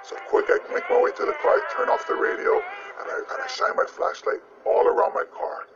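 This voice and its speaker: Disguised-voice witness: male officer, altered gravelly voice, high and swooping, muffled lo-fi audio with loud music under it. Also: wildly swooping pitch, brisk, recorded from a distance. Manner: plain, matter-of-fact storytelling. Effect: electronically disguised voice. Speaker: police officer. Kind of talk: recounting a personal ghost story in an interview.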